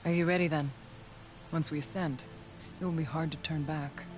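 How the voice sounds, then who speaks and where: A solemn, devout shaman woman voiced by an actress from a video game. She speaks in formal, reverent and measured phrases, seeking her spirit with conviction. Loud music plays behind her. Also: sits low, fairly even intonation, close to an everyday voice. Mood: reverent, resolute. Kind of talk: dramatic video game dialogue.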